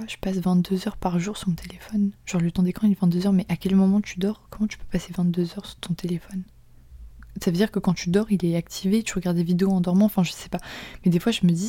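A young woman hosting a podcast in a casual confessional monologue, chatty and slangy, often dropping into soft whispered asides. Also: lowish voice, level tone, quick pace, no echo. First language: French. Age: young adult. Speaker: podcast host.

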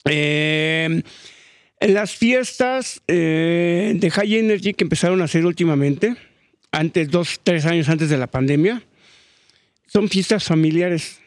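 An older man with a Mexican accent, a DJ telling stories in a casual studio interview, slangy and animated. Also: on the high side, takes it slowly, no room sound. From Mexico City. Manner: animated, slangy, acts out quoted voices. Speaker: DJ guest. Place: radio studio.

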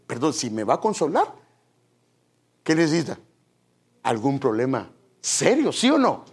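Male preacher, sermon, wildly swinging intonation, husky gravelly voice. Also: on the high side. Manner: emphatic, keeps addressing listeners as brother.

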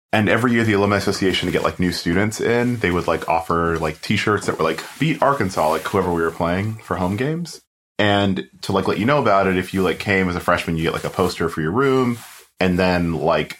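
A young man from South Florida, a photographer guest, chatting casually in a relaxed, rambling way, full of "like". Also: low-pitched. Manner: relaxed, rambling, heavy use of "like". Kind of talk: casual interview chat.

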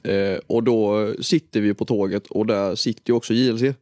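A man's voice: fairly low pitch, steady tone, a little mellow, dry recording, clean studio sound. A young man from Småland co-hosting a podcast, chatting casually with crude, joking remarks and frequent laughter. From Småland, Sweden. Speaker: podcast co-host. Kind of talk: casual chat.

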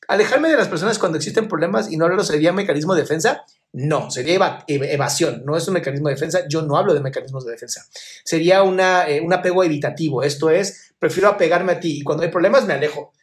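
A man with a voice a little higher than most men's hosts a live chat, going through viewer questions one by one. He answers bluntly but affectionately, calling his listeners "my love" as he gives emotional advice. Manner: frank, direct advice. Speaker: live stream host giving emotional advice.

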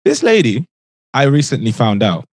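A man's voice: medium pitch, big pitch swings, moderate pace, darkish tone, husky, dry recording, studio quality. A man with an urban London roadman accent, hosting a podcast in casual, bantering street slang. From South London, England. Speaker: podcast host.

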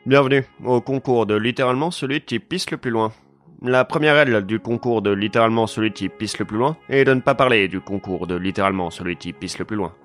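A man's voice: fairly low pitch, brisk, fairly bright tone, soft background music, lightly acted. A man voicing a pompous male glazier who solemnly announces the rules of a contest.

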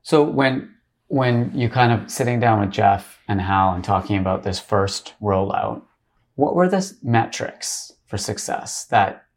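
A middle-aged man hosts the conversation in a low voice with a gravelly, fry-laden edge. He asks long, probing questions, restarting mid-phrase and padding with "you know" and "kind of". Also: animated, measured pace. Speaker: interviewer, podcast host. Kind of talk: conversational interview.

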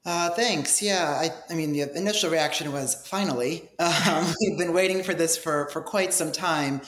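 A man giving conversational, halting answers as an interview guest, in measured explanations. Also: on the high side, fairly bright tone, roomy sound, a little hiss or hum. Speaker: policy director, interview guest.

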